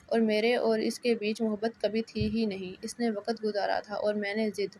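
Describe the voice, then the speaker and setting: A woman reading as an earnest young wife who pleads for forgiveness. Her voice stays mid-pitched and level, with little rise or fall. A faint hiss runs under it. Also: flat delivery, darkish tone, natural voice. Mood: pleading.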